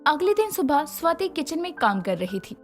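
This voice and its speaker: A woman narrating a cartoon moral story in an expressive storytelling manner. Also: high voice, normal speed, soft background music.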